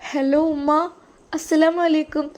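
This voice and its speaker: A woman's voice: little pitch movement, a little slow. A woman with a Malappuram accent voicing a sweet, polite young pregnant wife. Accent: Malappuram Malayalam. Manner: soft, polite, higher voice.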